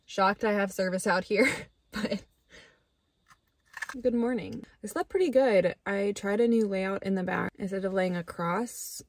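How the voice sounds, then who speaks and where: A woman in her twenties vlogs from her car on a road trip, talking casually to the handheld dashboard camera. The travel vlogger's mid-range voice is unhurried, and the recording is dry.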